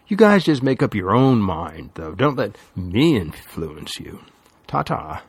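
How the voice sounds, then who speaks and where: A man's voice: fairly low pitch, sing-song, unhurried, slightly rough, heavily acted. A man reading an audiobook, voicing a smug, scheming teenage boy who teases with a patronizing drawl.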